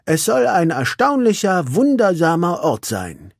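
A man doing a kindly hedgehog who explains things patiently in a raised, bright voice. The sound is husky and close, with a dry sound. A storybook reading. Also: sits high, wildly swooping pitch, measured pace, dry recording, pitched above the performer's own voice, heavily acted. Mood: friendly. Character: friendly helpful male hedgehog.

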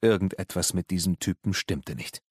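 A man narrating an audiobook in a measured, even reading. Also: low-pitched, slightly rough, dry recording, clean studio sound. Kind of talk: scripted narration.

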